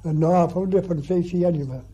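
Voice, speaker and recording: A very old man, over a hundred, with a rural County Clare accent and an aged husky voice, reminiscing haltingly in an interview and repeating his words. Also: high-pitched, warm tone. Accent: rural County Clare Irish. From County Clare, Ireland. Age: over 100, very old. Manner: very old man's halting, repetitive speech. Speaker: interview guest. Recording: muffled 1960s archive interview recording.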